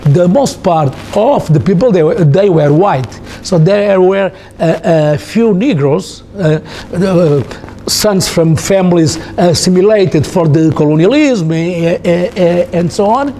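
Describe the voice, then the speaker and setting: A man from Angola with an Angolan Portuguese accent, a native Portuguese speaker, recalling his life in halting, repetitive English as he searches for words. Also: sits high, warm tone, slight background noise. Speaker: interviewee, former soldier. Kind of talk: personal recollection in an interview.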